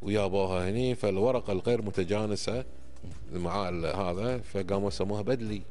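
Slightly fast and on the low side, with a darkish tone, this man's voice belongs to a Kuwaiti podcast guest in his fifties. He lectures emphatically, often pausing on tags to check that he's being followed. He's recorded in an indoor podcast studio on a close boom-arm microphone.

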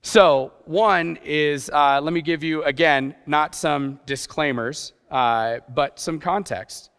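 A middle-aged youth pastor who grew up partly in Japan gives an informal sermon as a guest preacher on an indoor church stage, self-deprecating and conversational, posing rhetorical questions. His voice is fairly high, slow, fairly bright and clean, with reverberant hall sound.

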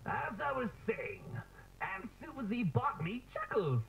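A man's voice: very high-pitched, huge pitch swings, slow pace, creaky, fairly bright tone, full character voice. An actor playing a theatrical, mocking, menacing clown villain who drawls his lines in an analog horror drama. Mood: mock wistful. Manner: drawling, theatrical, with cackling laughter. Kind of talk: scripted analog horror acting. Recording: tinny, noisy degraded tape.

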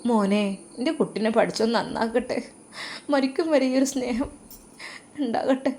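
A woman's voice: moderate pace, slight background noise, lightly acted. A woman voicing a loving elderly mother who coaxes and comforts her son in a raised, tender voice. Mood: doting. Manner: doting, coaxing, higher and brighter.

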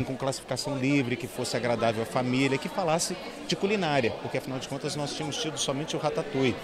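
A man, a film producer, giving steady promotional interview answers outdoors at a premiere. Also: mid-range voice. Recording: crowd noise behind.

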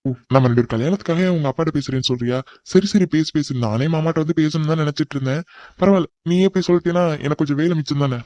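In this cartoon voice-acting clip, a man's racing, slightly high, slightly mellow voice plays a cocky young guy with a bold, bossy, teasing manner toward his cousin. The voice is close to an everyday one, recorded with no echo.

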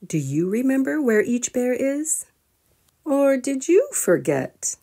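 This storyteller is a woman with a high, gravelly voice that has a breathy edge, reading slowly from a children's storybook. She speaks expressively to young listeners and asks them questions.

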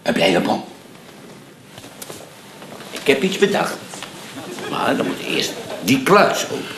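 An actor playing a fussy, excitable man in a sitcom, his voice swinging from hushed to loud. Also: medium pitch, takes it slowly, roomy sound, slight background noise. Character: fussy, long-winded man named Faber. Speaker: sitcom character. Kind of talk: sitcom acting.

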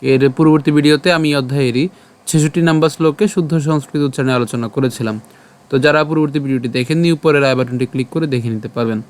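A man teaching Sanskrit verse pronunciation online, breaking words into syllables slowly and chanting the lines. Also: mid-range voice. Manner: slow, careful syllable-by-syllable drilling, chanting verses.

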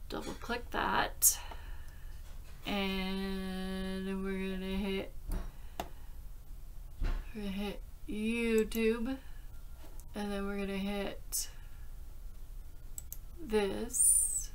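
A woman's voice: mid-range voice, level tone, drawn-out words, pauses often, a little hiss or hum. A woman in her forties hosting a casual craft vlog, chatting to viewers and rambling as she narrates each step aloud. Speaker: craft channel host. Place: small craft room at home, indoors. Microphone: laptop webcam at arm's length.

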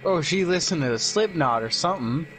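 A man playing a horror game as a scared streamer, excitable and swearing in casual banter. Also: on the high side, brisk, background noise. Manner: frightened, excitable, profane.

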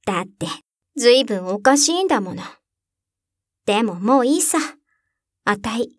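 女性が演じるぶっきらぼうな山賊の娘. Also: female voice, a little high, no echo, studio quality, natural voice. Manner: blunt, tomboyish speech. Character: rough young robber girl, bossy.

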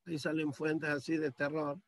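A man's voice: a little high, monotone, normal speed, no echo. A male teacher walking students through a computer task step by step, patiently, on a video call. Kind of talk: screen-share computer lesson. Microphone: computer mic on a video call.

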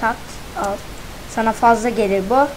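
A woman's voice: a little high, normal speed, a little hiss or hum, rough recording. A woman giving casual let's-play commentary, talking to herself as she plays, counting items aloud and tossing in playful slang. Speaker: gaming channel host.

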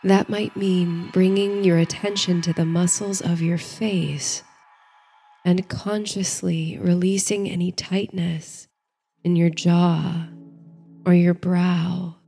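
Her voice is on the low side, gravelly and slightly rough, with a flat delivery. She hosts and narrates a sleep story series, offering bedtime stories and guided meditations in a slow, mellow, hushed and gentle manner with faint music behind her.

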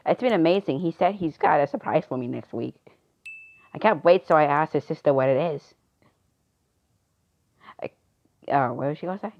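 A woman performing an amateur skit, reading the lines in a halting, unpolished way. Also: deep voice, expressive, dull audio. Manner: unpolished, halting line delivery. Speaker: skit performer voicing both parts.

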